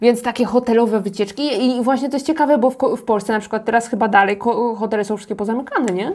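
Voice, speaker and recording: Higher-voiced woman co-hosting a casual chat. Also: fast talker, a little mellow. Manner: chatty, colloquial, repeats agreeing words. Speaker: podcast co-host.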